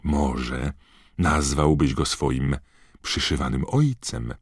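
A man's voice: extremely low pitch, expressive, takes it slowly, breathy edge, no room sound, studio quality, heavily acted. A man voicing a scheming, fawning female gossip reporter in an audiobook, pushy and sly. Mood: wheedling. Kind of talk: audiobook character voice.

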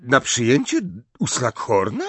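A man's voice: medium pitch, wildly swooping pitch, measured pace, a bit bright, slightly rough, no room sound, voice pushed up, exaggerated voice. A man voicing a dreamy, blunt teenage schoolgirl with an airy, frank, lilting way of talking.

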